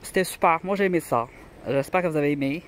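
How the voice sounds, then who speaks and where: With a deep voice and fast delivery, a woman from Quebec speaking with a Québécois French accent chats casually to her viewers as she hunts rocks outdoors on a mountain. It's rambling vlog narration shot on a handheld phone, with slight background noise.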